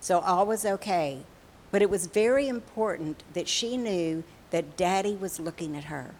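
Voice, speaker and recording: A woman telling a story in a sermon, slow and expressive, with dramatic pauses. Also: on the low side, slight background noise.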